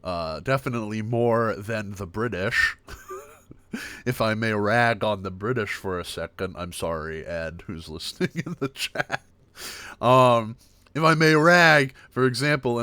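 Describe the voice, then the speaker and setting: An American man giving a casual livestream language lesson, repeating each example word slowly and chatting between them. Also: on the low side, sharp tone, clear, resonant tone, dry recording. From United States. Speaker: streamer teaching a language. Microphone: streaming mic.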